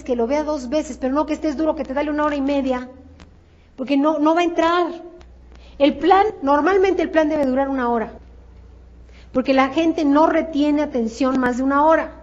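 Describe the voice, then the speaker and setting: A woman's voice: high voice, darkish tone, muffled recording. A woman with a Mexican accent giving a motivational sales seminar, emphatic and repetitive, firing off rhetorical questions. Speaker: sales trainer.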